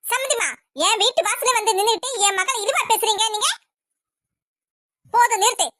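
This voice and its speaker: Brief: woman playing a stern, commanding mother in a cartoon, high-pitched, dry close sound. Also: moderate pace, pushed and bright, dry recording. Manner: firm, commanding. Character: stern middle-aged mother defending her daughter.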